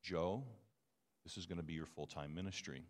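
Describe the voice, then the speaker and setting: God speaking low and hushed, as a man quotes him in a sermon, the words soft and close. The voice sits deep and rings on in a long reverb. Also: steady tone, normal speed, close to an everyday voice. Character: God as a quiet, hushed male voice.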